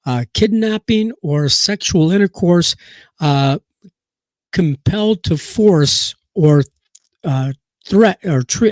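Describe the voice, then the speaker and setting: Hoarse with a cold, a high-pitched man from Nebraska reads boxing news on his live stream, stumbling through with frequent fillers and false starts. There is no echo.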